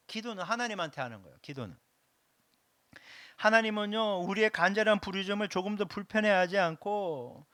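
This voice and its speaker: Lively high-voiced preaching pastor. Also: male voice, no echo. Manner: emphatic preaching with repeated phrases; asks the congregation direct questions. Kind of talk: Sunday sermon.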